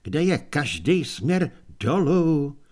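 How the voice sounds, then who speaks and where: A man voicing a nervous, cowardly wizard who speaks in a measured, anxious way. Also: fairly high pitch, very animated, a little mellow. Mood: fretting.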